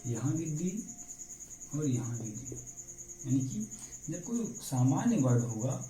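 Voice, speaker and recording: Dark-voiced man teaching English grammar. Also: mid-range voice, sing-song, takes it slowly. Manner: explains step by step, asks questions and answers them himself. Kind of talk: classroom grammar lesson. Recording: echoey room with faint noise.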